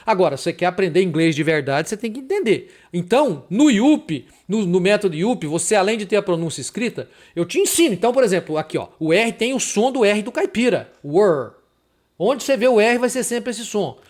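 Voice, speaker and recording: A man from Brazil gives a casual online lesson on English pronunciation. He talks in a loose, chatty way and slows down to stress the example words, saying them again and again. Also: sits high, lively intonation. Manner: chatty, repeats example words slowly and with emphasis. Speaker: English teacher.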